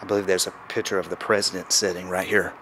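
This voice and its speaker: A man, awed and hushed as he thinks aloud on a walking tour of an empty hotel suite. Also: sits low, level tone, fast talker, slight background noise. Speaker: travel vlogger.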